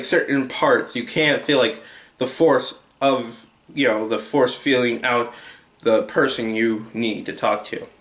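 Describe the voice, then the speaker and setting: A man's voice: fairly high pitch, a bit bright, reverberant. A young man giving a casual, rambling movie review at home, full of restarts and filler words. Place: home room with a TV.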